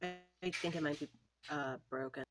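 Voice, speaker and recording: Low-voiced woman playing in a tabletop game. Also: normal speed, music in the background. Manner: hesitant, thinking aloud. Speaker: player. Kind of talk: casual chat. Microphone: video call.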